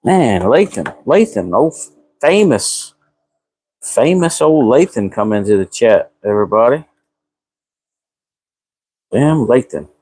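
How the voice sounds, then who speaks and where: Slow-drawling man. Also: mid-range voice, sing-song, mellow, slightly rough. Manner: folksy, slangy cracker talk. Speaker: live streamer working on cars in a garage. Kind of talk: casual live-stream chat while working. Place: garage.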